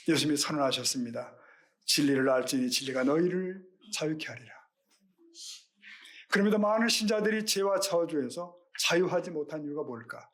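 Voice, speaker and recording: A man's voice: fairly high pitch, a bit bright. A middle-aged male pastor giving a Sunday sermon, earnest and questioning, with rhetorical questions to the congregation.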